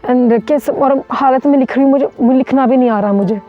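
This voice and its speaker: A brisk, high-pitched woman from India, a mountaineer, is a guest in an interview, recounting an ordeal. Her retelling is vivid and urgent, full of restarts. The recording sounds dull and lo-fi, with faint music behind her.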